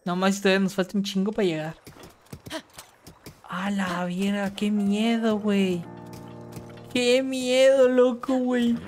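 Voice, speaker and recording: A woman with a Mexican accent streaming gameplay, talking in slangy, profane chatter and bursting into panicked yelling. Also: mid-range voice, fairly even intonation, measured pace, long pauses, soft background music. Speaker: gaming streamer. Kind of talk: live gameplay commentary.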